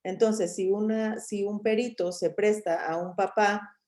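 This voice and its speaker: Hesitant, mellow-voiced woman official. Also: mid-range voice, steady tone, measured pace. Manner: hesitant, searching for words with many restarts. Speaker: family court official. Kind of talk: panel discussion over video call. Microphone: video call.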